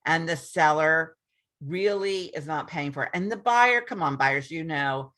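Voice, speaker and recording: Woman realtor, low voice, chatty, restarts a lot, casual explainer. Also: unhurried, fairly bright tone. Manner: chatty, repeats herself, many restarts and ums. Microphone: screen-share video recording.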